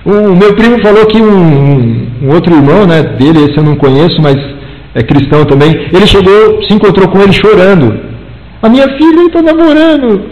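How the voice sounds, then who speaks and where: A middle-aged man, teaching a church Bible class in a chatty way, telling personal stories and acting out the dialogue with big swings in pitch. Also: lively intonation, fairly quick, a little mellow. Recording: long reverb of a hall.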